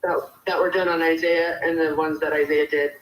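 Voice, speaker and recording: A woman's voice: deep voice, flat delivery, moderate pace. Woman heard over an echoey speakerphone. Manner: hesitant, many fillers. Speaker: interviewee, mother of the deceased. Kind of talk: remote interview. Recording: echoey speakerphone with faint hiss.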